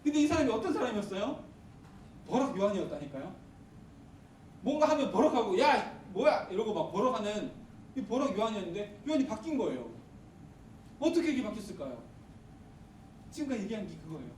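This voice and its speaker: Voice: medium pitch, big pitch swings, quick pace, pauses often, a little mellow. A youth pastor preaching a retreat sermon, quizzing the congregation and acting out angry quotes. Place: retreat worship hall. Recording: echoey hall, distant mic, faint hiss.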